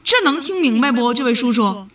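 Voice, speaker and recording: A woman's voice: a little high, very animated, brisk, a bit bright, distant mic. A woman hosting a call-in advice show, lecturing callers firmly and raising her voice to get through to them. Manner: firm, lecturing, raises her voice. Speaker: radio advice host.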